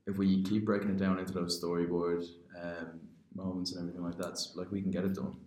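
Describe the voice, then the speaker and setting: A man's voice: deep voice, little pitch movement, quick pace, a little mellow. A young man co-hosting a podcast in casual, unscripted chat, recorded in a cave-like room with an echo. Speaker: podcast co-host.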